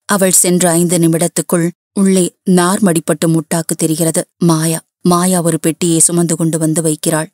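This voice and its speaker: Lady reading a tamil novel aloud, lowish voice, steady, dry close mic. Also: moderate pace, no echo. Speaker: storyteller.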